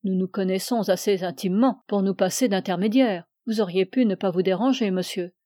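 A woman's voice: mid-range voice, a little fast, mellow, no room sound, clean studio sound, close to an everyday voice. A woman reading aloud and voicing a passionate, possessive young woman who speaks with scorn and rising cries. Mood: scornful.

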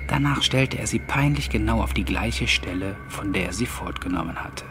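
Audiobook narrator, man, lowish voice, measured and even, soft music underneath. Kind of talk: scripted narration.

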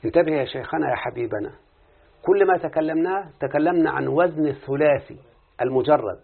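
A man's voice: fairly high pitch, fairly quick, vocal fry, slightly rough. A man with an Egyptian accent teaching an Arabic morphology lesson, constantly quizzing his student with questions. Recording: phone-like lo-fi audio.

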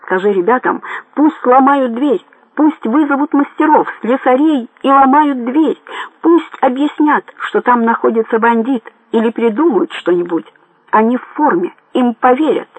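Volatile thug boss, shouty and high-strung, read by a man, dry close sound. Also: lively intonation, moderate pace, no echo, low-quality recording. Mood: furious. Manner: yelling, frantic, threatening. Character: angry shouting male gang leader, volatile.

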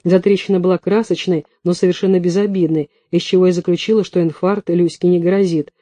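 A male audiobook reader narrates in a lively storytelling manner, with a high voice of a very dark, mellow tone. The recording is close and completely dry. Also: brisk, no room sound.

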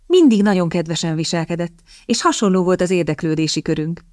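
A woman voicing a timid young lady with a high, girlish voice who stammers and hesitates. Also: darkish tone, no echo, studio quality, close to an everyday voice. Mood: bashful.

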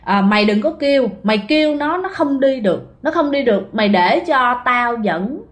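Woman doing stern old male ghost guide, gruff, commanding, higher voice. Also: lively intonation, normal speed, natural voice.

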